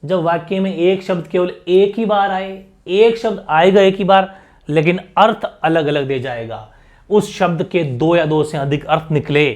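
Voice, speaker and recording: A man's voice: sits high, a little slow. A man teaching an exam-prep lesson, explaining repetition and frequent check-ins to students.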